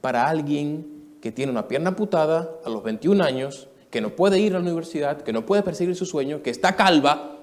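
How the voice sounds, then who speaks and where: His voice on the high side and his pace a little fast, a Dominican preacher in his thirties gives an expressive sermon testimony to a live congregation. He narrates earnestly, shifting between gentle and emphatic tones.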